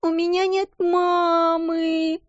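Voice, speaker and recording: A woman's voice: little pitch movement, takes it slowly, no echo, dull audio. A woman voicing a small weeping girl who wails and sobs. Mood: wailing. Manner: wailing, sobbing, shrill.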